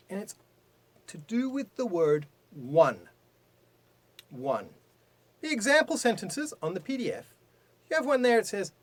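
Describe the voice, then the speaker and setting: A man teaching English idioms in a video lesson, talking emphatically with big swings in pitch and loudness.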